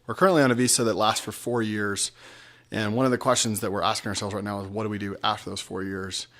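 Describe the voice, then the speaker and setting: With a fairly low pitch and a quick pace, a young man from the United States speaks casually to the camera for his vlog. His manner is relaxed and conversational.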